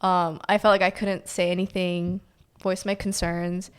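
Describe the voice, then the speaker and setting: A woman's voice: on the low side, level tone, unhurried, smooth. A young adult woman talking as a podcast guest in a rambling, casual way, filling her sentences with "like". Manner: rambling, heavy use of "like". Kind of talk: casual chat.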